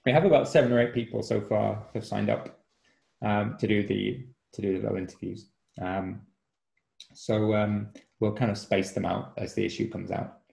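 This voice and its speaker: A man's voice: on the low side, fairly even intonation, moderate pace, creaky, darkish tone. A man from Cumbria interviewing a guest over a video call, friendly and rambling with lots of ums and restarts. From Cumbria, England. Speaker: magazine editor and interviewer. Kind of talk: casual interview chat. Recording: echoey room on a call.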